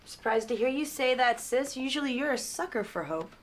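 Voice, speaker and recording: Wry blind sister with a sharp tongue, bit high voice, faint hiss. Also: female voice, lively intonation, brisk. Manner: dry, teasing, biting humor. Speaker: film character, blind sister.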